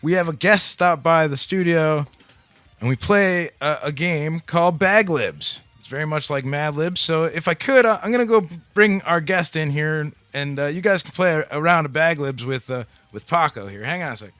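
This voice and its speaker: A man's voice: a little high, moderate pace, fairly bright tone, clean tone, no echo. A man hosting a radio show in casual chat, talking in a heavily profane, slangy music-fan way.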